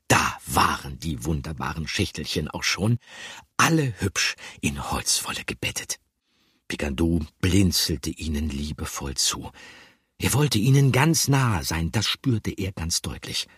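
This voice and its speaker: A man narrating a children's story in an expressive storytelling manner. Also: low voice, slightly rough, no echo, studio quality. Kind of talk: audiobook narration.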